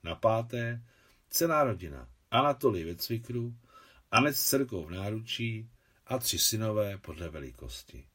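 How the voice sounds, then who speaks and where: A man reading a novel aloud as an audiobook narrator, expressive and measured. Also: lowish voice, slightly rough.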